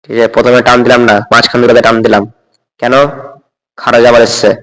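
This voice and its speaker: A man's voice: medium pitch, level tone, a bit bright, big-room sound, poor audio. A man teaching Quran reading, spelling out letters and vowel marks one by one and checking with the learner again and again. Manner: spells out Arabic letters and vowel marks slowly, then drawn-out recitation; patient, checks understanding with repeated "okay?".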